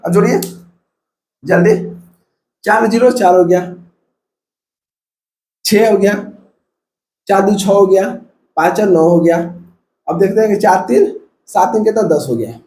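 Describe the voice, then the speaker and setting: Male math tutor with a Bihari Hindi accent, high-pitched, coaching step by step in a roomy space. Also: measured pace, pauses often, a little mellow, slight background noise. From India. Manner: step-by-step coaching, repeats numbers aloud. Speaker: math teacher. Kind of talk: classroom math lesson. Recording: echoey room.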